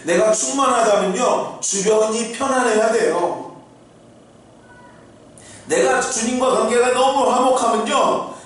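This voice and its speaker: A middle-aged male pastor preaching a sermon in an earnest, conversational way, asking his listeners rhetorical questions. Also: sits high. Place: church sanctuary. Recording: very echoey hall, heard from far off.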